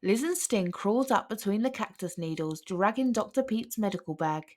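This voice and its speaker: A woman narrating a children's picture book aloud as an expressive storyteller. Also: mid-range voice, normal speed. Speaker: storybook reader.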